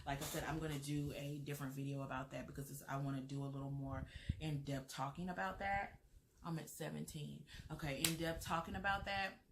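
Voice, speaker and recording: A woman's voice: deep voice, fairly even intonation, a little fast, background noise. A young American woman with an American accent, chatting casually as a travel vlogger, rambling with lots of fillers and restarts. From United States. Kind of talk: casual chat.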